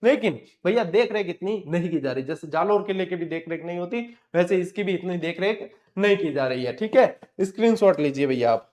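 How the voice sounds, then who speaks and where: A man's voice: sits high, a little fast, few pauses, darkish tone. A male teacher giving an exam-prep lecture, asking the class questions and answering them himself, with frank, scolding advice.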